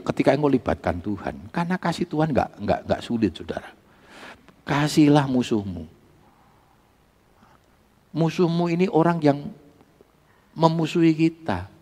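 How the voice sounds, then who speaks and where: A man's voice: fairly high pitch, dark tone, husky. A male pastor, preaching an emphatic sermon and calling out to the congregation. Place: church. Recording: long reverb of a church hall.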